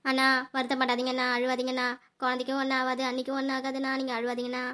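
A woman voicing a brisk young sister in a family cartoon who scolds and comforts. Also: high-pitched, monotone, fairly bright tone. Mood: soothing.

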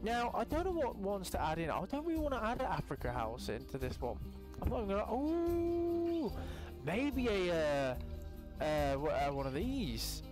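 A young man giving casual, excitable gameplay commentary, chatting and swearing freely to his viewers. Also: a little high, normal speed, music in the background. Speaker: gaming YouTuber.

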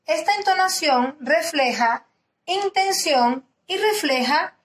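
A woman's voice: high voice, lively intonation, slow, rough recording. A woman from Venezuela with a Venezuelan Spanish accent, a third-grade teacher giving a recorded lesson to children, explaining patiently with spoken examples.

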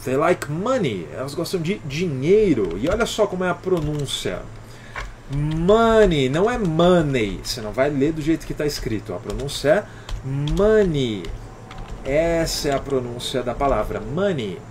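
A Brazilian man teaching an English lesson on a live stream, with a slightly raised pitch. He explains patiently and greets viewers by name. Faint noise and keyboard typing sit behind him. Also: animated, fairly quick, few pauses, a little mellow. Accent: Brazilian Portuguese. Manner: often ends with "alright?" and "né?".

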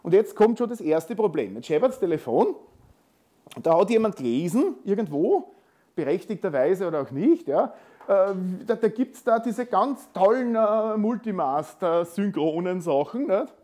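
A man's voice: high voice, expressive, moderate pace, mellow. A man with an Austrian accent giving a technical conference talk in a lecture hall, conversational and full of tag questions. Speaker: conference speaker.

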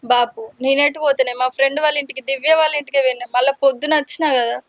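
A woman's voice: sits high, fairly even intonation, rapid-fire, a bit bright, no room sound. A woman playing a bold younger daughter, coaxing and insistent. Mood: pleading. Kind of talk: village drama acting.

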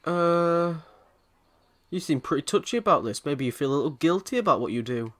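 A man narrating his own game playthrough in a relaxed, offhand voice. He cracks crude jokes and bickers with the characters as he goes. His pitch sits in an ordinary middle range. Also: quick pace. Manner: joking and crude, talking back to the game characters. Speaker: let's play host. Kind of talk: casual gameplay commentary.

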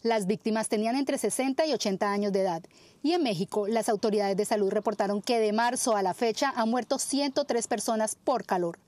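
A woman's voice: a little high, fairly quick, darkish tone, no room sound. A woman reading a scripted news report as voice-over in a formal tone. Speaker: news narrator.

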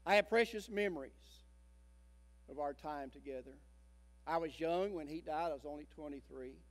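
A man in his sixties, a pastor preaching a sermon, telling a story dramatically and swinging between loud emphasis and hushed tones. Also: fairly high pitch, moderate pace. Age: 60s. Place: church sanctuary. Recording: long church reverb.

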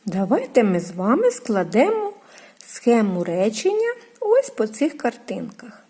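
A woman teaching a lesson to young children, speaking slowly and drawing out each syllable in a sing-song way. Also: a little high, huge pitch swings, mellow. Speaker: preschool teacher.

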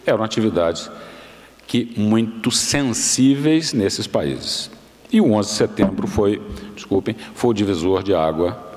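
A Brazilian man in his sixties giving a formal lecture from a lectern in a large university auditorium, measured and explanatory, often restarting and correcting himself. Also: on the low side, darkish tone. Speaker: guest lecturer. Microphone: lectern microphone. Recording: long hall reverb.

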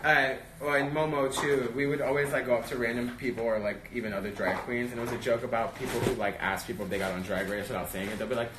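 This sassy young drag queen talks fast with few pauses, his mid-range voice staying steady as he bant playfully and chats on a livestream. The phone, handheld or propped, follows him indoors through a backstage hallway, an elevator and a dressing room. Everything is echoey and noisy.

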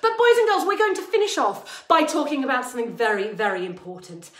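A woman with a high, swooping voice presents to small children like an overbright kids party host. Her delivery is exaggerated and theatrical, acting out feelings for the little ones. The sound is roomy and echoing. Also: fast talker. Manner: theatrical, expressive, acting out emotions. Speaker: children's drama class presenter. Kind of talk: interactive presenting to young children, with singing. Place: attic-style studio room, indoors. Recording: roomy echo, music at times.

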